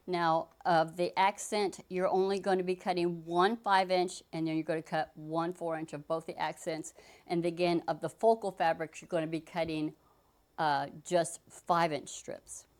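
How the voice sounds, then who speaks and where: A woman's voice: on the low side, fairly even intonation, moderate pace. Chatty woman demonstrating quilting cuts. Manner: chatty, talks while working, frequent restarts. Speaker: sewing instructor. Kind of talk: casual how-to demonstration.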